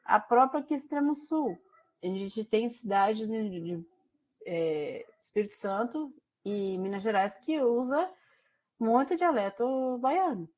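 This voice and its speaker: A woman's voice: fairly high pitch, a little slow, a little mellow. Brazilian lady teaching a class, bit of a caipira accent, chatty, lots of "né" and fillers, keeps asking the students stuff. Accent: Brazilian Portuguese with São Paulo caipira influence. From Mato Grosso do Sul, Brazil. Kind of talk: online class lecture.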